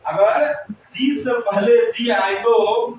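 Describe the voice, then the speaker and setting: Speaking very slowly in a high voice, a male English teacher runs a class lesson built on repeated questions and call-and-response drills. The recording has a little hiss or hum, with the mic placed far off in an echoey room.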